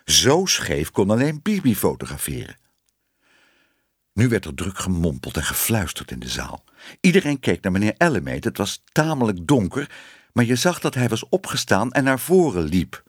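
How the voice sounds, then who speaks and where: A man reading a children's story aloud with an expressive storytelling voice. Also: fairly low pitch, normal speed, husky, no room sound, studio quality. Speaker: narrator.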